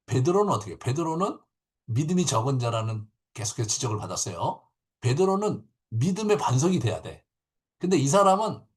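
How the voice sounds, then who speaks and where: A man, a pastor, teaching a Bible class over a video call in an animated way, acting out quotes and often checking in with his listeners. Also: medium pitch. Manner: animated, acts out quotes, frequent tag questions. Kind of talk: lively Bible lecture.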